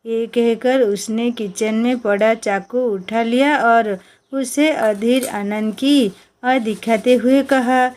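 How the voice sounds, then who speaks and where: Slow, mellow woman narrating a story. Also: a little high, steady tone.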